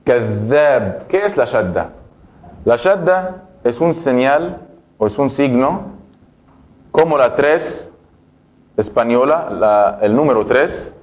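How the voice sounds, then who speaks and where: A man from Egypt whose first language is Arabic, teaching an Arabic lesson and patiently repeating each word slowly for practice. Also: medium pitch, a little mellow, highs cut off.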